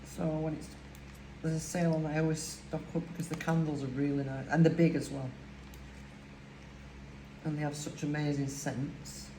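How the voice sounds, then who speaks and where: In a low, fairly flat voice at normal speed, an older Lancashire woman with a broad accent chats while she crafts for her vlog. The talk is casual and full of fillers, and the home recording has room echo and a faint hiss.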